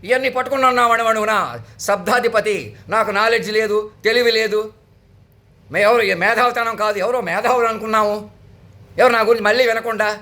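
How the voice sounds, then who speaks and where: A man with a high voice preaches in a commanding, proclamatory way. He hammers home his points through repetition. His voice is bright and sharp. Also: fairly quick. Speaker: self-styled spiritual leader. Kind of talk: proclamatory sermon.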